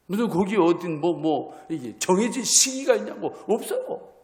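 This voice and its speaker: A male pastor preaches with a high, lively voice that swings far up and down. His delivery is dramatic, and he acts out the scripture he reads. The sound is recorded in a church hall, roomy and echoing, with a long reverb tail. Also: moderate pace. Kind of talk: sermon.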